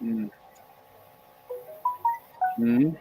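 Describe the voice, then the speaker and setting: A man teaching an online language lesson, patiently repeating words slowly for his students. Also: mellow, slight background noise.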